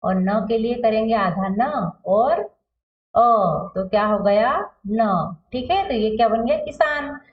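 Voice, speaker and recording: A woman's voice: on the high side, lively intonation, takes it slowly. A woman teaches a primary school grammar lesson at a patient pace. She breaks each word into its letters and asks questions that she answers herself. The recording is roomy and a bit dull, like a lo-fi room mic.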